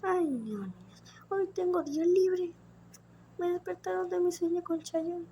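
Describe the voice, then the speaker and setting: A woman's voice: extremely high pitch, measured pace, vocal fry, warm tone, a little hiss or hum, voice pushed up, heavily acted. A woman voicing a sleepy, easygoing father woken by his children in a doll play story, speaking in a drowsy half-whisper.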